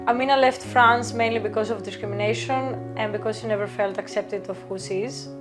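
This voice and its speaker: A woman hosting an interview, asking prepared-sounding questions in a measured way. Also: fairly high pitch, fairly even intonation, music in the background. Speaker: interview host.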